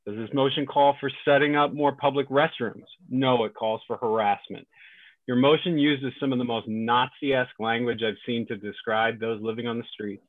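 A man's voice: medium pitch, no room sound. A man reading a prepared public comment, accusatory and full of rhetorical questions, over a tinny line. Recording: tinny phone-line audio.

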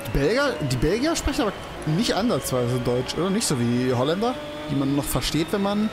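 Brisk and very animated, a young man with a slightly high voice rambles casually as he commentates a racing game for his let's play, swearing and exclaiming at the track. Game music plays in the background.

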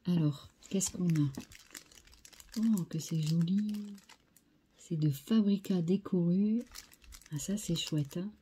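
Slow-talking French woman, dark voice. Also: on the low side, slightly rough. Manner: chatty, enthusiastic, repeats "très sympa". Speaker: scrapbooking video host. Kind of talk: casual show-and-tell of craft mail.

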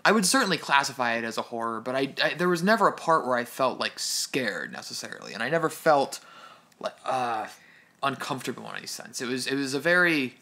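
A man's voice: medium pitch, very animated, a little fast, sharp tone. A man co-hosting a podcast, chatting casually about a film, hesitant with frequent restarts. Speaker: podcast co-host. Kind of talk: casual film review chat.

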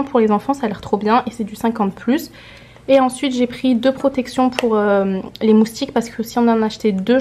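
A woman's voice: fairly high pitch, darkish tone, slight background noise. A woman in her twenties from France, chatting casually to viewers while showing a grocery haul at home. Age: 20s. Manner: chatty, addresses viewers directly. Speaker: vlogger. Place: indoor home room, off camera.

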